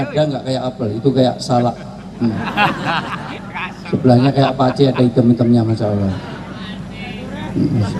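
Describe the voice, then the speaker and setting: A man's voice: mid-range voice, noisy background. A man preaching a humorous sermon to a live gathering, joking and acting out quoted voices. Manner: joking, animated, acts out quoted voices and shouts.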